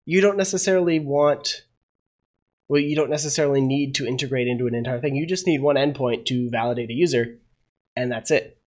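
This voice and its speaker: A young man still getting over a cold hosts a casual screen-share programming tutorial, thinking aloud as he goes. His mid-range voice is brisk and a little mellow, full of "uh" and uncertain asides.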